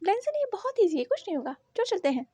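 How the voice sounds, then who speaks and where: A man's voice: very high voice, big pitch swings, quick pace, warm tone, no room sound. A woman voicing a nineteen-year-old male omega who sobs, stammers and pleads as part of a prank. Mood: playful.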